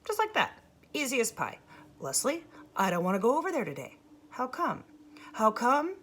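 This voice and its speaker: A woman voicing a shy, nervous country boy who stammers and talks haltingly. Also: fairly high pitch, wildly swooping pitch, a bit bright, breathy edge, voice pushed up, exaggerated voice.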